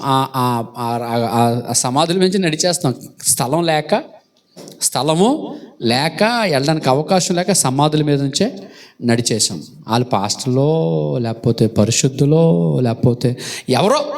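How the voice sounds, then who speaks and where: A male pastor preaching a sermon, asking the congregation questions and acting out loud calls. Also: on the high side. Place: church hall.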